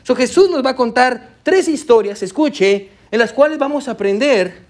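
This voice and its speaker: A man's voice: very high-pitched, expressive, normal speed. A male pastor preaching in church, telling a personal story with lots of "amén" and "hermano", and slipping English words into his speech. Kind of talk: sermon with personal anecdote.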